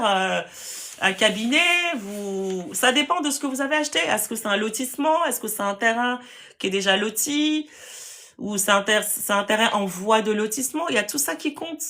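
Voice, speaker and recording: A French woman with a Parisian accent hosts a live stream to sell land, handling viewer comments directly and firmly. Her voice is medium in pitch and a bit bright.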